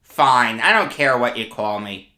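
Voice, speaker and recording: A man hosting a sports show, ranting emphatically and swinging into loud shouted tirades. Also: medium pitch, animated, unhurried. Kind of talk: sports commentary rant. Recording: roomy echo.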